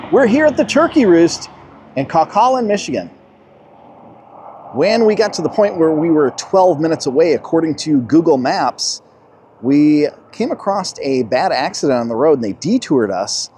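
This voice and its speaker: On the high side and a little mellow, this man's voice comes with slight background noise. In his forties, the travel and food vlogger talks to his viewers in an upbeat, chatty way, narrating what he sees as he films on a handheld phone at arm's length. He starts outside a restaurant at night and moves into a diner.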